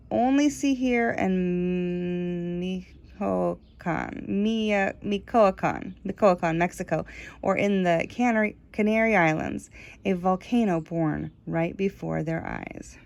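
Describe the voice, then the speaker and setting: On the low side and a little slow, this woman's voice has vocal fry and a darkish tone. She gives an expressive read-aloud of a children's story, stretching key words and making casual asides.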